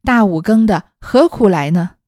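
A woman reading the lines of a gentle, loyal young maid, speaking in a soothing, coaxing way. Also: mid-range voice, expressive, measured pace, no room sound, clean studio sound, natural voice.

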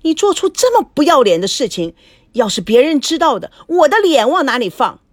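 A hot-tempered young woman who scolds and shouts in indignation, as a woman reads her. The voice leaps around with animated pitch. The recording is dry and close. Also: brisk, dry recording. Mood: angry.

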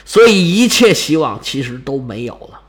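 A man voicing a gloomy, grave Roman general who talks in a heavy, slow, resigned way, in a Chinese storytelling performance. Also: a little high, big pitch swings.

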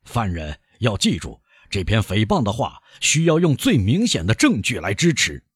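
Man voicing a loud, commanding court judge. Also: lowish voice, wildly swooping pitch, moderate pace, breathy edge, no echo, clean studio sound, heavily acted. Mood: stern. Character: stern, alarmed middle-aged male presiding judge.

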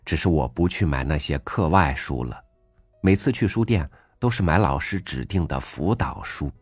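A man hosting a reading program, narrating a first-person essay in a gentle, reflective way. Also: extremely low pitch, animated, normal speed, breathy edge, no echo. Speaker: audiobook host reading an essay. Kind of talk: scripted narration. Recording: dry studio voice over faint music.

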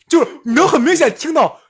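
A man, chatting as a podcast host and telling school stories, acting out the quotes he tells. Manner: animated storyteller, acts out quotes with big pitch jumps. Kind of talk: casual chat, storytelling.

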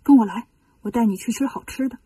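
A woman's voice: on the high side, fast, mellow, slightly rough, dry recording, distant mic. A woman voicing a cheeky, boastful male monkey king hero in a children's storybook reading, in a playful, teasing manner. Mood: teasing, confident.

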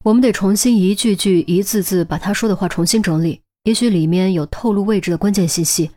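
A woman voicing a calm, reasoning older male detective in an audiobook, measured and explanatory. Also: medium pitch, close to an everyday voice.

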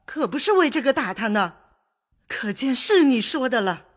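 Female actor: high, exasperated middle-aged mother for an audio drama, scolding. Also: very animated, moderate pace.

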